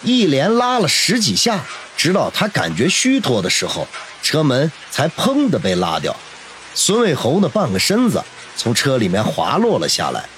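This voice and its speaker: A man's voice: mid-range voice, wildly swooping pitch, moderate pace, a bit bright, slight background noise. Dramatic male audiobook narrator. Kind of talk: scripted novel narration.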